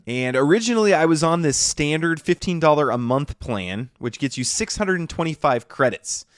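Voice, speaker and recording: A man's voice: on the high side, clean tone, no echo, clean studio sound. A man YouTuber casually talking through his workflow in a chatty tutorial, often checking in with "okay?".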